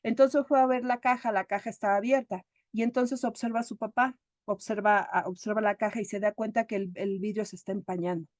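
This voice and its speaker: A woman's voice: medium pitch, brisk, hardly any pauses, no echo. A woman who works as a therapist, giving a chatty talk full of stories. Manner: chatty, animated storyteller. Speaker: emotional therapist and speaker. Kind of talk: storytelling talk.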